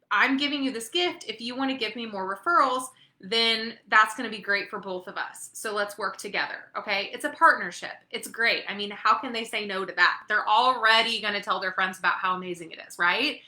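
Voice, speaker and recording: Bright-voiced woman coaching her sales team. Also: a little high, reverberant. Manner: upbeat, chatty, checks in with "okay?" and "right?". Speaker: network marketing team leader. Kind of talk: webinar training talk.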